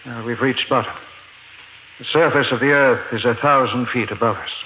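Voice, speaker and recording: A male actor with a medium-pitched, natural voice and a steady tone at moderate pace plays a calm, doom-obsessed former professor turned polite kidnapper with a gun, in the style of 1950s American radio drama. He sounds formal, insistent and commanding, reassuring while threatening, and the recording is dull and noisy.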